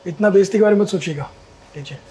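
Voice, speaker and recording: A man's voice: high-pitched, very fast, dark tone. A man playing a customer who becomes a doctor, lecturing earnestly and with reproach in a short social-message skit.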